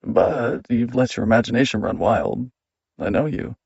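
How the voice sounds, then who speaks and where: Guy voicing a controlling husband, yelling and scolding, gravelly tone, muffled dry recording. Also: medium pitch, normal speed, no room sound. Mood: condescending. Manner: loud and accusing. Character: controlling, gaslighting husband, adult man.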